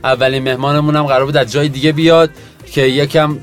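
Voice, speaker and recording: A man's voice: on the high side, faint music behind. Chatty young man hosting a late-night show. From Iran. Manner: chatty, relaxed, apologetic asides. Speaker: radio podcast host. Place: home studio in Tehran at night.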